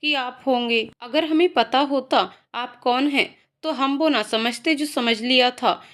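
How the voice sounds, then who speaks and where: A woman's voice: high-pitched, measured pace, a bit bright. A woman voicing a mischievous, anxious young village girl in a storybook reading. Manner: pleading, flustered.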